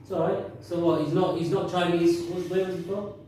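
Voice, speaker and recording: A man's voice: high-pitched, steady tone, fairly quick, mellow, slight background noise. A man interviewing a guest in a casual chat, prompting him with short questions. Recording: very echoey room from far off.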